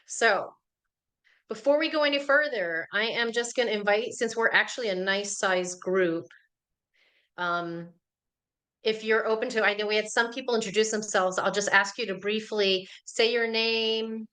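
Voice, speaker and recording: Bright-voiced woman leading an online workshop. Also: mid-range voice, normal speed, low-quality recording. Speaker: workshop presenter. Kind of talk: live online workshop talk.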